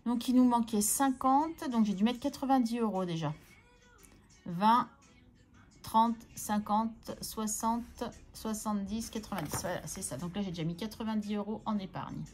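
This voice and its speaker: A woman vlogging casually as she sorts her budget, chatting to herself and counting out loud. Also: mid-range voice, moderate pace, slight background noise. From France. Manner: talks to herself, scolds herself by name, counts aloud. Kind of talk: casual chatty talk to camera while counting money.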